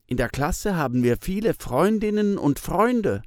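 A man's voice: high voice, sing-song, a little slow, darkish tone, dry recording, pitched above the performer's own voice. A man voicing a cheerful young schoolboy in a storybook reading, eager and enthusiastic.

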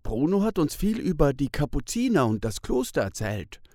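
Guy doing a curious little girl voice, higher and bouncy. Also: big pitch swings, normal speed, darkish tone, dry recording, clean studio sound. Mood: lively. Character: bright curious young schoolgirl.

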